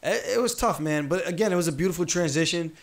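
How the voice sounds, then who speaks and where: Brief: upbeat man from New York, quick talker, roomy echoey room. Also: fairly high pitch. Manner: quick, upbeat, laughing storyteller. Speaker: podcast host and fighter. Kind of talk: casual chat. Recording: roomy echo.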